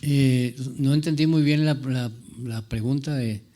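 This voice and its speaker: A man from the Latin American mountain highlands, a novelist reminiscing in a halting, digressive way, often repeating his words. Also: mellow, slight background noise. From rural mountain highlands of Latin America. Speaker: novelist on a panel. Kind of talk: rambling personal reminiscence.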